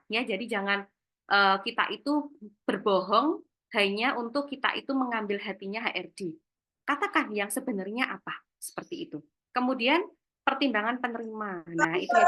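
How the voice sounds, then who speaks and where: A woman giving a career workshop talk in an online seminar, lively, acting out short example lines. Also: on the high side. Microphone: video call.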